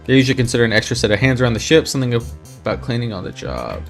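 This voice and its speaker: A man's voice: medium pitch, big pitch swings, rapid-fire, creaky, soft background music. Man reading a sci-fi story aloud. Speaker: reader of an interactive story game. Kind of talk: dramatic first-person story reading.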